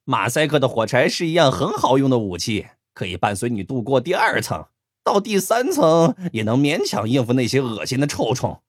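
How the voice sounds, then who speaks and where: A man's voice: medium pitch, very animated, moderate pace, husky, dry recording, studio quality. A man voicing a big childlike male mole who is greedy and dangerous, mumbling as he eats. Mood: smug. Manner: mumbling, playful, then sly. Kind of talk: audiobook character voice.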